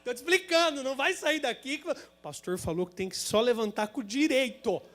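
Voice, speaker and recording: A man with a Brazilian Portuguese accent preaching a sermon, telling a comic personal story in an animated, dramatic way. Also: very high voice, brisk. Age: adult, married with a son.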